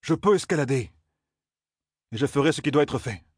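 A man voicing a gruff, indignant young blacksmith who grumbles back at others. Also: medium pitch, lively intonation, moderate pace, darkish tone, dry recording, studio quality, pitched above the performer's own voice.

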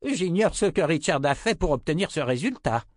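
A man playing a grumpy old wizard for an audiobook, his voice pushed high and loud. He blusters and complains. The recording is dry and close. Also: expressive, dry recording. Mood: cranky, indignant. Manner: cranky, exclaiming, quick to complain.

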